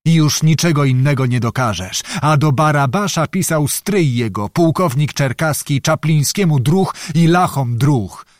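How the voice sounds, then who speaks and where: Male reader doing a stern Cossack hetman, weighty and deliberate, storybook. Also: a little high, animated, no room sound, clean studio sound. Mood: grave, accusing. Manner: slow, grave and accusing. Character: stern aged Cossack hetman passing judgment.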